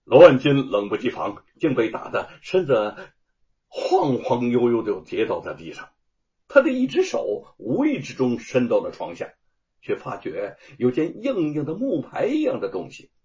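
Expressive male audiobook storyteller. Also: medium pitch, normal speed. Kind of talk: dramatic audiobook narration. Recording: dull lo-fi audio.

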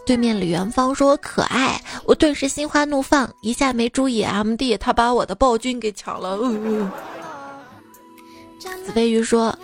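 Lively, fairly high-voiced woman host with music. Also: vocal fry. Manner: lively, laughs at her own jokes. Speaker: podcast host reading listener jokes. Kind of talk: casual comedic reading.

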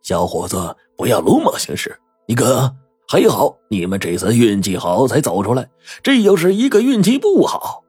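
A man's voice: medium pitch, huge pitch swings, moderate pace, a little mellow, breathy edge, no room sound, faint music behind, pitched above the performer's own voice. A man voicing a chatty, cowardly old man in an audiobook, rambling and stammering. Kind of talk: audiobook character voice.

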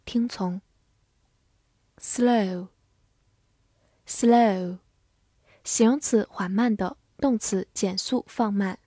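A woman teaching English vocabulary in a scripted lesson, spelling words letter by letter and reading example sentences slowly. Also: on the high side, warm tone, no room sound, clean studio sound.

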